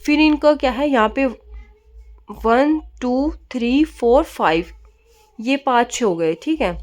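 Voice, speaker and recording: A woman teaches grammar in a steady classroom manner. She keeps asking questions and answering them herself, and drops English words into her sentences. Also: high voice, slow.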